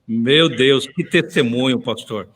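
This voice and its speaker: Male interviewer, effusive and devout, unhurried delivery, voice ringing in a reverberant hall. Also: medium pitch, fairly bright tone. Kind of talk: church interview.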